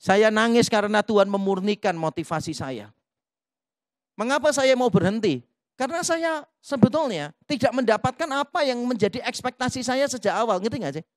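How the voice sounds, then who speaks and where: Male pastor, high voice, dry close sound, animated sermon with acted-out dialogue. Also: normal speed, dry recording. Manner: lively storytelling, acts out quoted dialogue; mixes in English phrases.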